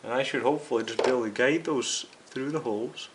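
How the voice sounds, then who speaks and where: The host of a radio restoration series leads a hands-on repair video, chatting casually and walking his viewers through each step directly. He talks fast in a mid-range voice, with background noise in the recording.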